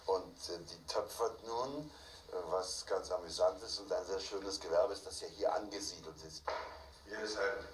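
A man with a low voice chats at a moderate pace, rambling through anecdotes. It comes from a noisy archive tape, recorded at a distance in an echoey room.

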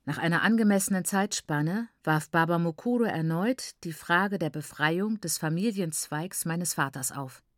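A woman narrating an audiobook in a calm, somber first-person reading. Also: fairly low pitch, normal speed, hardly any pauses, dry recording. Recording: dry close studio.

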